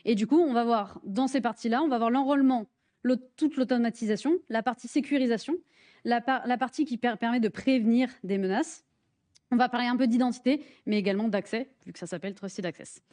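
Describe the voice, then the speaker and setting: A woman's voice: fairly high pitch, a little fast, dark tone. Chatty French woman presenting a workshop. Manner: friendly, joking, with frequent fillers and restarts. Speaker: presenter leading a hands-on workshop. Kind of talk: live conference presentation. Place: conference room.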